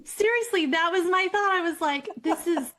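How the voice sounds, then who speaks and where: A woman's voice: very high voice, normal speed, a bit bright. A woman co-hosting a podcast, telling a personal story candidly and laughing often. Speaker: co-host. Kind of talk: casual podcast chat.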